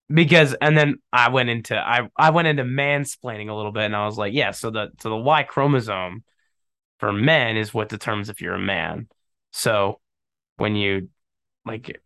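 A young man hosts a podcast solo, chatting casually in a rambling, slangy style and laughing often, his nose stuffed up from a cold. His voice is fairly low with vocal fry and a bright, forceful tone, recorded with no room sound.

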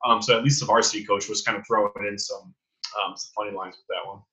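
A man's voice: on the low side, fairly even intonation, fast, pushed and bright, rough recording. A young man co-hosting a podcast, rambling loosely as he explains favorite lines from a movie. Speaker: podcast co-host. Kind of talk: casual movie discussion.

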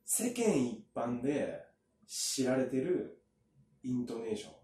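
A man's voice: medium pitch, huge pitch swings, dark tone. A man in casual chat, telling stories at length with many fillers and asides. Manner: chatty, drawn-out storytelling with many fillers. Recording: roomy, from a distance.

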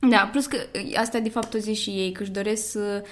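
A woman's voice: medium pitch, fairly even intonation. A young woman co-hosting a podcast in casual chat, hesitant, with many fillers and frequent laughs. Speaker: podcast co-host.

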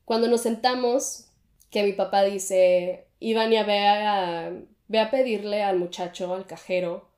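A woman's voice: mid-range voice, fairly even intonation, a little slow, a little mellow. Candid woman telling a story. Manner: candid storytelling, mixing English words. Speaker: podcast co-host. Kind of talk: casual chat. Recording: echoey room.

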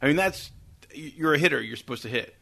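A man's voice: a little high, animated, a little fast, vocal fry, pushed and bright. A man hosting casual sports banter in a home basement, needling his co-hosts with joking questions. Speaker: sports talk host.

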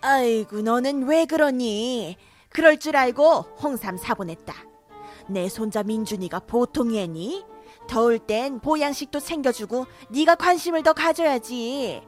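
A woman's voice: on the high side, measured pace, close to an everyday voice. A woman voicing a domineering older mother-in-law who scolds sharply and favors her grandson, in a cartoon drama. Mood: nagging. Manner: scolding, sharp, rising to shouts. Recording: faint background music.

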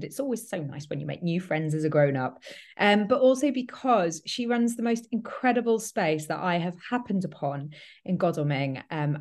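A woman hosting a podcast interview, her voice croaky from a cold, introducing her guest effusively. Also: on the low side, a little mellow. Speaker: podcast host. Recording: music playing behind the voice.

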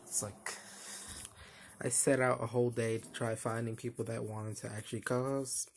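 A young man hosting a casual solo podcast, talking in a flat, monotone voice that rambles and hesitates with lots of fillers. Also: medium pitch, moderate pace, vocal fry, a little hiss or hum. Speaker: podcast host.

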